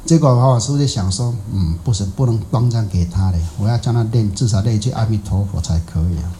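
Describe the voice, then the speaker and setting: A man's voice: fairly low pitch, quick pace, warm tone, a little hiss or hum, low-quality recording. A middle-aged man, a Buddhist monk, giving a casual dharma talk full of stories, rhetorical questions and repeated fillers. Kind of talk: colloquial dharma talk with anecdote.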